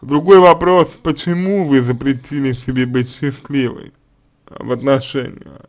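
A man answering a reader's letter as a psychologist, in a halting, deliberate monologue full of fillers and restarts. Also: mid-range voice, steady tone. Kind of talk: slow consulting monologue.

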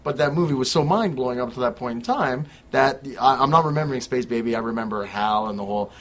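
A man's voice: mid-range voice, fast talker, a little hiss or hum. A man co-hosting a podcast in casual chat, joking and riffing on tangents. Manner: jokey, riffs on tangents. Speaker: podcast co-host.

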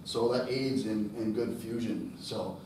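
A man's voice: fairly low pitch, steady tone, a little slow, darkish tone, a little hiss or hum. A man in his thirties teaching a welding lesson at a whiteboard, talking casually and checking in with "all right?". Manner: casual, repeats key word, frequent "all right?" checks. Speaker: welding instructor. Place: classroom with whiteboard, indoors. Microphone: camera across the room. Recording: very echoey room, voice from a distance.

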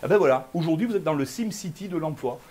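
A man giving a fast, lively conference keynote, talking straight to the audience with frequent questions. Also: fairly high pitch. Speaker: keynote speaker. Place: conference room before an audience.

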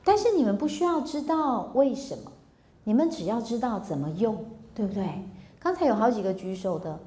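A woman in her fifties with a Taiwanese Mandarin accent, giving a public lecture on relationships. She tells personal stories in a lively way and acts out dialogue, often laughing. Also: fairly high pitch, brisk, reverberant.

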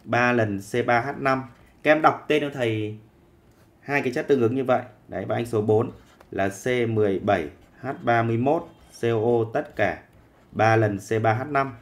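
Male teacher, mid-pitched voice, dictates steadily and keeps checking in with the class. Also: normal speed. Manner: dictating, often checking in with students. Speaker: chemistry teacher. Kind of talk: live online chemistry lesson.

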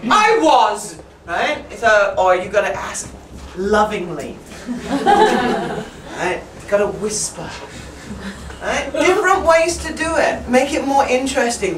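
A woman leading a teacher training workshop, brisk and chatty, who keeps checking in with "right?". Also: fairly high pitch, background noise. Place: classroom. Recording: roomy classroom from far off.

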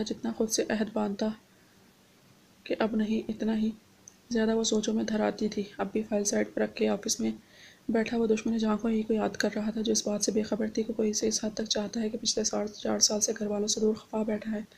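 A woman narrating a romance novel aloud in steady storytelling. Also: mid-range voice, fairly quick, creaky, slight background noise.

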